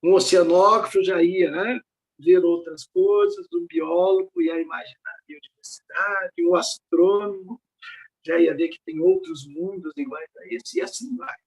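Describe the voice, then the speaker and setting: High-voiced man giving a reflective academic talk. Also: measured pace. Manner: reflective, asks rhetorical questions, frequent "né". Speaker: invited speaker at a research network meeting. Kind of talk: academic talk over slides.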